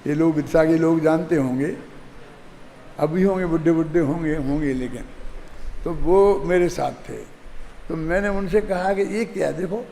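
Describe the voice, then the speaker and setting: Older man, religious discourse, high voice, gravelly, hall reverb, faint background noise. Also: dark tone. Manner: conversational, checks listeners often. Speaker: Jain scripture teacher.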